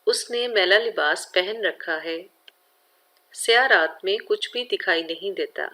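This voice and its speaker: A woman's voice: medium pitch, unhurried, sharp tone. A woman teacher with a Pakistani Urdu accent giving a recorded grammar lesson to schoolchildren, explaining carefully and speaking to her students directly.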